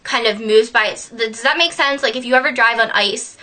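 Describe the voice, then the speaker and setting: A young woman telling a story on her vlog, animated and sweary, laughing often. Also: on the high side, fairly quick. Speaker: vlogger.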